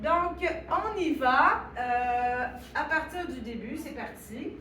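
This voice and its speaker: A woman with a high voice teaches a classroom, slow and patient, repeating and spelling out each word and laughing at her own slips. She is heard from across a very echoey room with clear background noise. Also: animated, bright, forceful tone, far from the mic, soft background music. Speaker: French teacher. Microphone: far recorder in the room.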